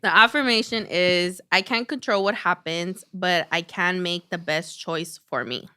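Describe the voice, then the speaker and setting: A woman's voice: on the low side, unhurried, pushed and bright, clean tone, no echo. A woman co-hosting a podcast in casual chat, tossing in playful interjections. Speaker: podcast co-host.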